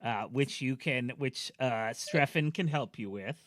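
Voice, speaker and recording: Slow, halting man running a tabletop game. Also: mid-range voice, no echo, clean studio sound. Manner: halting, with many fillers and restarts. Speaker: game master.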